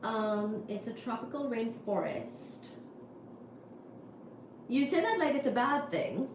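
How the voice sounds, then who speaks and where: A woman's voice: a little high, very animated, slow. A woman from India hosting a casual livestream, answering chat comments with wry asides. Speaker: livestream host. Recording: echoey room with faint noise.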